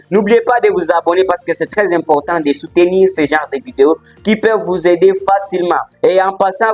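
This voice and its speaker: A man teaching an English lesson in a lively, emphatic way, repeating words for emphasis, with faint music behind. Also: sits high. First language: not English. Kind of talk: motivational language lesson. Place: language training center in Likasi.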